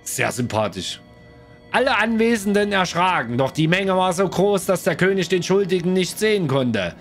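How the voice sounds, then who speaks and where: Lively male let's-play streamer, a bit higher than average, reads lore aloud between chatty asides. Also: moderate pace, soft background music. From Germany. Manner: chatty, lively, addresses viewers. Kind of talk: casual game commentary and reading aloud.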